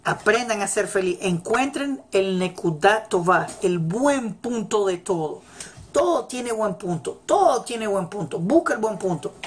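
A woman's voice: mid-range voice, animated, measured pace, breathy edge. A woman giving a motivational religious talk, emphatic and repeating her key phrases. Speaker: religious teacher. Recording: faint music in background. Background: faint celebration music.

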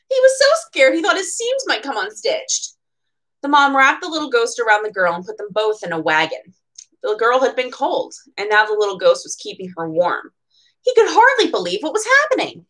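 Here, a bookseller hosting storytime from a small room at home reads a kids' picture book with real expressiveness and drops in chatty side remarks. She's an American woman in her twenties whose high-pitched, sing-song voice is a bit bright and moves at a moderate pace.

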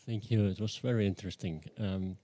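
A man in the audience asking a halting question, searching for his words. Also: fairly low pitch, fairly even intonation, dark tone, no room sound. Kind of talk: question from the floor.

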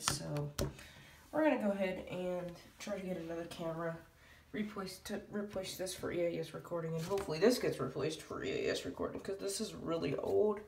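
Here a hobby video creator shares a rambling, hesitant vlog update with viewers, her voice fairly low, gravelly and a little mellow. She's indoors in a small room at home, recorded on a phone or handheld camera mic. The audio has a roomy, distant quality and a bit of noise.

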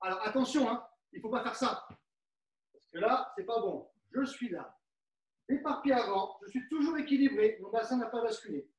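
A man's voice: very high-pitched, lively intonation, moderate pace. A middle-aged man coaching a live fencing workout class, instructive and coaxing, often adding "hein" as he demonstrates and sometimes moves away from the mic.

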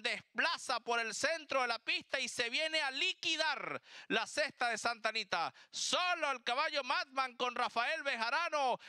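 Guy race caller, super high bright voice, crisp, urgent horse racing commentary. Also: no room sound, studio quality. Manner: excited, urgent calling of the action.

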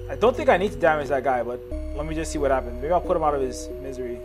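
A man's voice: fairly high pitch, expressive, rapid-fire, over music. A man giving casual, joking gameplay commentary as a let's play host, thinking aloud as he goes. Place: voice-over on game capture, music behind.

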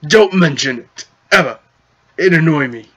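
A man voicing a petty, hostile male goblin chief who talks in blunt broken grammar with a gruff, bossy manner. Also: a little high, expressive, normal speed, bright, forceful tone. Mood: dismissive.

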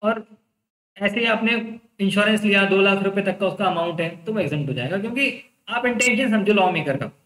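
Casual young guy teaching a class, high voice, reassuring, room echo. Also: brisk, a bit bright. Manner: chatty, reassuring, explains by intent. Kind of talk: casual online lecture.

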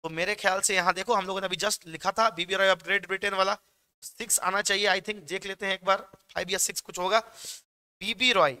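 A man's voice: high voice, steady tone, brisk, bright, forceful tone, clean tone. A young man with a Bihari Hindi accent teaching physics exam questions in a chatty, joking classroom manner, mixing in English terms. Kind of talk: exam-prep lecture.

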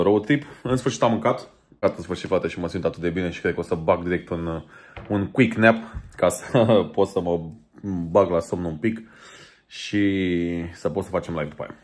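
A young man vlogging casually, slangy, laid-back and chatty, talking from a car. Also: sits low. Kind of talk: casual vlog chat.

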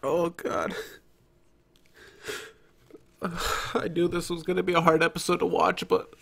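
A young man giving casual, halting reaction commentary, sounding nasal and stuffed up from crying, close to a desk mic. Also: high voice, level tone, vocal fry, fairly bright tone. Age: young adult. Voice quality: nasal, congested. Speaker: anime reaction video host. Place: small furnished room at home. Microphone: close desk microphone, headphones on.

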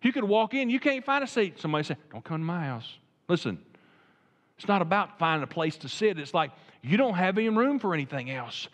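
A man's voice: high-pitched, very animated, quick pace, fairly bright tone. A man preaching a sermon as pastor, emphatic and building to fervent appeals. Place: church sanctuary. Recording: reverberant church sanctuary.

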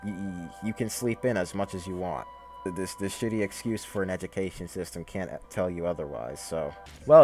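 A young man giving casual gameplay commentary in a weary, grumbling way. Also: fairly low pitch. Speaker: gaming video host. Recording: noisy recording with game gunfire. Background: video game gunfire.

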